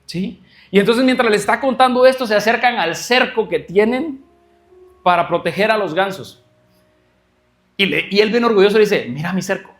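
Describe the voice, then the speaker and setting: A man preaching as a guest speaker, telling a story and acting out quoted dialogue with animated swings in voice. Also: high voice, moderate pace, faint music behind. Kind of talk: sermon storytelling.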